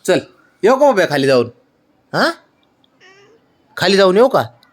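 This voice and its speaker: A man chatting to his cat at home, lifting his pitch into a bouncy, swooping singsong. He draws his words out slowly and keeps teasing it with fond, coaxing questions. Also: sing-song. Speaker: cat owner. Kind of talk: casual talk to his pet cat. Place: home, indoors.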